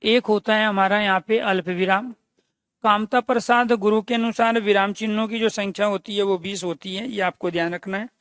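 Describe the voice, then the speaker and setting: High-voiced grammar teacher. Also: male voice, steady tone, normal speed, a bit bright, clean tone, no echo. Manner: repeats key phrases and quizzes listeners with questions; calls listeners dear friends. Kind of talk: online exam-prep lesson.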